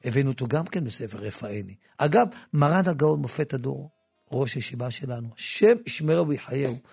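A religious teacher delivers an impassioned talk that also promotes a book, his gravelly, husky voice dropping to a low murmur before rising into loud, emphatic bursts. He frequently restarts and repeats words. The studio sound is dry and close with no echo, and faint music runs underneath.

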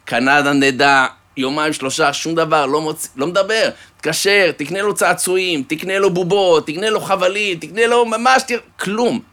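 A man giving a sermon, an animated storyteller who fills it with jokes and speaks fondly to his listeners. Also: fairly high pitch, hardly any pauses. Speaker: preacher. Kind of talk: sermon with joke-telling.

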